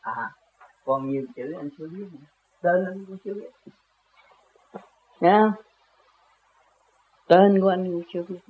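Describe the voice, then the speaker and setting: An older man with a high, husky voice rambles casually at a measured pace with long pauses, chuckling often as he argues about where words come from with folksy word-play. The audio is tinny and phone-like.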